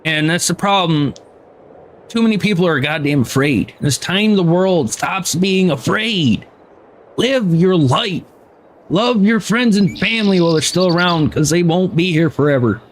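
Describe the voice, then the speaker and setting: A man's voice: high-pitched, expressive, a little slow, slight background noise. A man streaming a game, ranting heatedly in casual chat and swearing freely. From United States.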